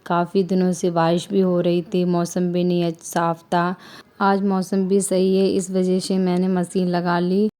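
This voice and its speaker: A young woman from India, a mother, calmly narrating her household routine in a steady, explanatory way that often repeats itself. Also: fairly low pitch, measured pace, slight background noise. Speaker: vlogger mother. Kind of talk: calm voice-over narration of a home routine.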